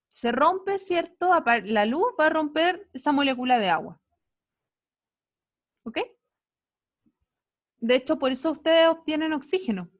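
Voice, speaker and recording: A woman with a Chilean Spanish accent teaching an online science class, checking in with students often and praising their answers. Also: sits high. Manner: checks in often with quick tags, upbeat praise.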